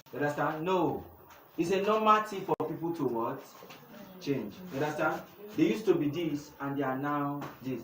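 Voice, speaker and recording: A young man with a Nigerian English accent, teaching a youth class and often asking the room to finish his sentences. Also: medium pitch. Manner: call-and-response questioning. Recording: echoey room from far off, noisy.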